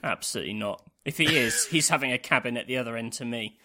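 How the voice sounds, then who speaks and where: Male podcast co-host, bright voice, rambling jokey delivery, casual chat. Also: mid-range voice, fast talker. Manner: joking, rambling with fillers.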